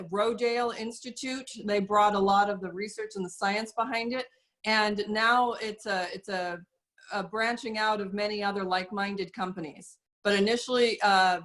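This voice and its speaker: A woman talks as an interview guest, measured and earnest, often pausing on fillers as she explains. Her voice sits at a middle pitch. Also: a bit bright. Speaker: guest, soap company representative. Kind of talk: casual interview talk.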